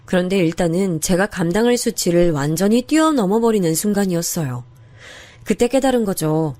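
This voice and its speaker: A woman's voice: fairly low pitch, expressive, fairly quick, warm tone, no echo. A woman narrating a first-person story in an earnest, confiding way. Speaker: narrator of a true-story drama.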